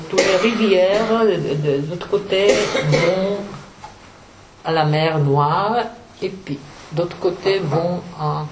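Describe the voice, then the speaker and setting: A Czech woman from Moravia speaking French with a Czech accent, explaining poetry to an audience and pausing to search for words. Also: fairly low pitch. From central Moravia, Czech Republic. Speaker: guest poet. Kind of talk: literary talk with poetry reading. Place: event hall at a cultural centre. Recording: roomy hall echo, faint room noise.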